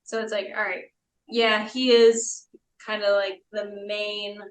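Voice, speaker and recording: A woman's voice: medium pitch, flat delivery, slow pace. A woman in a casual, conversational chat. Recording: roomy echo, distant from mic.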